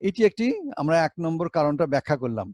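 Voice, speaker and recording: Slow explaining Bengali teacher, man. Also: fairly high pitch, animated, a little mellow, no echo. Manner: spells words out letter by letter, rhetorical questions. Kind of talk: Bengali pronunciation lesson.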